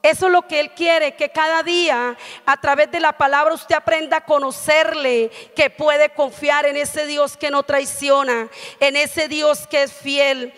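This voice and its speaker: Middle-aged woman pastor, high pitch, earnest sermon delivery, handheld mic in a reverberant hall. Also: fairly bright tone. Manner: earnest, frequent "amén" and "¿sí?" checks. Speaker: preacher. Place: church stage at a pulpit.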